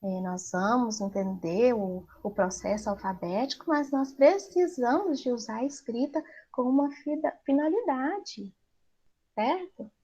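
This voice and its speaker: A woman's voice: fairly high pitch, expressive, unhurried, dark tone, highs cut off. A middle-aged woman teacher with a Brazilian Portuguese accent, explaining to parents in a live class and asking rhetorical questions.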